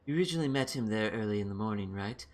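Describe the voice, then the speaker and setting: A man's voice: fairly low pitch, lively intonation, racing. A man casually playing through a video game on stream, reading its text aloud and muttering asides. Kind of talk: let's play commentary, reading game text.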